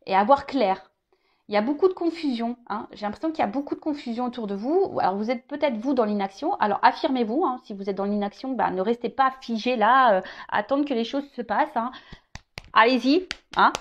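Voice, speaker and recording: A woman's voice: on the high side, expressive, a little fast, muffled recording. Chatty woman doing a tarot reading. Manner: hesitant, many repeated words and fillers; chatty, addresses viewer directly, jokes. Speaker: tarot reader.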